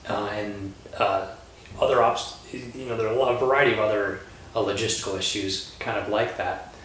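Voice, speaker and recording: A man from Colorado, a lawyer, hosting a relaxed panel chat, talking with many fillers and pauses. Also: lowish voice, a little hiss or hum. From Colorado, USA. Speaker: host, lawyer. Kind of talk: casual panel conversation. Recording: roomy echo, distant mic.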